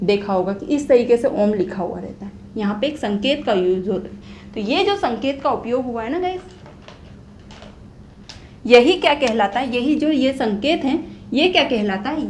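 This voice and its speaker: A woman's voice: high-pitched, darkish tone, a little hiss or hum. A young woman teaching Hindi grammar, repeating key phrases and asking and answering her own questions. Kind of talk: whiteboard lesson explaining grammar.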